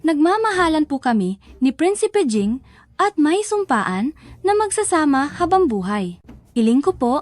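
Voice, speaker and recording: A young woman begs the king for justice in a high, formal, pleading voice. The sound is close and dry with no room around it. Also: big pitch swings, unhurried, no echo. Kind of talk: dubbed period drama.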